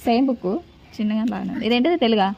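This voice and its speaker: A woman talks quickly in a fairly high voice while vlogging at home. She chats to her viewers and scolds her children between remarks. The home recording has clear background noise. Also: warm tone, dull audio. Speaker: vlogger and mother. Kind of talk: casual home vlog.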